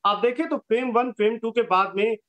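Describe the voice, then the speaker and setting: A man reporting a business news story from a TV studio, brisk and informative, with short filler pauses. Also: extremely high pitch, a bit bright, lo-fi sound.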